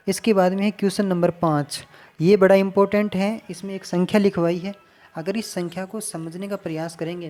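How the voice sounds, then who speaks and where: Patient male teacher with a mellow voice. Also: a little high, slight background noise. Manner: patient, repeats and counts digits aloud slowly. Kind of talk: casual classroom explanation at a board.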